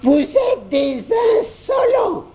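A man putting on a shrill, exasperated old grandmother. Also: very animated, slow pace, soft background music, full character voice. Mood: furious. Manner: high, strained and sharp. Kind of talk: storybook reading.

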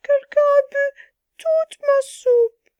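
A woman voicing a tiny young bear cub with a very high, squeaky, drawn-out wail. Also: steady tone, darkish tone, dry recording, studio quality, heavily acted. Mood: whiny.

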